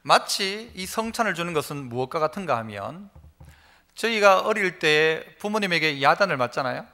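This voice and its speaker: A male pastor delivers an emphatic sermon in a high, bright voice. His pitch swings widely as he leads the congregation to repeat phrases and tells homely stories. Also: animated, moderate pace. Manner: storytelling with homely examples. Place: church service.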